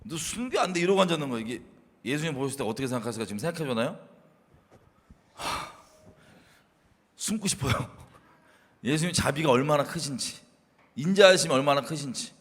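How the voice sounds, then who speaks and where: A man in casual faith talk, animated and laughing, acting out his past self scolding others. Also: medium pitch, a little fast, pauses often, big-room sound. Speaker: co-host.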